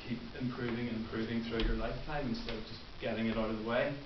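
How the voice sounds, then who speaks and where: A Northern Irish man in his twenties, speaking fast and flat at medium pitch, delivers his first club speech in a meeting room. The talk is earnest and prepared, peppered with ums and uhs. The recording is distant and roomy, muffled beneath a layer of hiss.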